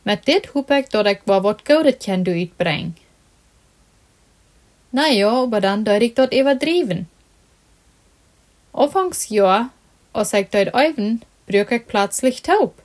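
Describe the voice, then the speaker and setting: A woman's voice: medium pitch, expressive, slow, long pauses, a little mellow. A woman reading as a discouraged young footballer. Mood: dejected.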